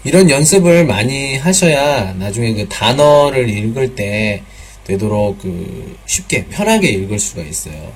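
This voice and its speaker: A man's voice: medium pitch, big pitch swings, unhurried, husky. A man teaching pronunciation in a live online class, patiently repeating drill sounds and mixing in some Chinese words.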